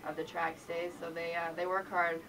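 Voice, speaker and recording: A woman with a lowish voice gives easygoing, explanatory answers as an athlete in a casual interview. She sounds a little off-mic, with clear background noise. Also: flat delivery, normal speed, far from the mic. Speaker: athlete guest on a radio show. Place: radio studio.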